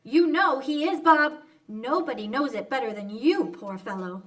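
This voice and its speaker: A woman's voice: high voice, animated, moderate pace, fairly bright tone. A woman playing a bustling, outspoken, motherly housewife in an old-time radio drama. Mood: indignant. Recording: slightly distant from the mic.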